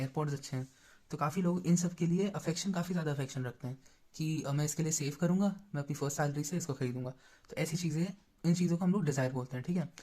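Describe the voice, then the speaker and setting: A man's voice: fairly high pitch, darkish tone. A young man tutoring in a casual lecture, explaining terms in a chatty way and checking in with listeners often. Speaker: exam-prep tutor.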